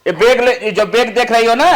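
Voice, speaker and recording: A man's voice: very high-pitched, brisk. A man with an Awadhi accent acting in a comedy skit as a snobbish rich son-in-law who shows off. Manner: arrogant, show-off.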